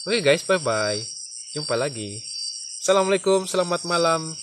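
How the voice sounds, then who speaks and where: Sabah Malay male streamer, fairly high voice, chatty, stammers, cricket noise throughout. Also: expressive, normal speed. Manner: stammers and repeats, chatty and self-mocking. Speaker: livestream host. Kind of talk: casual live-stream chat. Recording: noisy night recording with crickets. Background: crickets and insects chirping.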